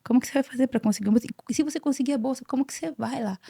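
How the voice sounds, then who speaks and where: A Brazilian woman in her forties, a podcast guest, telling her life story in an earnest, animated way and often repeating words. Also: high voice, racing, creaky, husky. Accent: Brazilian Portuguese. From Brazil (Salvador, Bahia). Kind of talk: casual interview storytelling.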